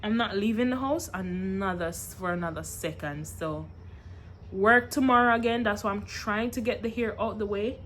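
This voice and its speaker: A young woman talks to her camera at home, tired but animated as she tells her story, sighing and laughing between points. Her voice sits at an everyday middle pitch. A faint noise hangs behind her. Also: normal speed. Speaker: vlogger. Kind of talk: casual venting vlog.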